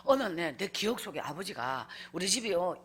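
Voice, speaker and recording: A woman's voice: fairly low pitch, very animated, normal speed, fairly bright tone, breathy edge. A woman evangelist tells her life story in a revival sermon, emphatic and acting out scenes as she goes. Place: church.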